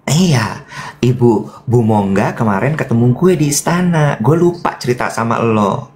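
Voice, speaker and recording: Seorang pria mengobrol santai dan bergosip sebagai pembawa acara, bercerita dengan hidup dan menirukan orang dengan suara melengking. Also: male voice, moderate pace. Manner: animated storytelling, shrill voices for quoted people. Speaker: co-host. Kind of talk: casual gossipy chat.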